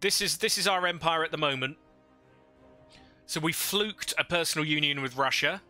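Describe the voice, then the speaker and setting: A man with a slightly high, bright, forceful voice speaks at a normal pace over soft background music. Livestreaming a strategy game into a headset mic, he thinks aloud and chats with viewers in casual gameplay commentary.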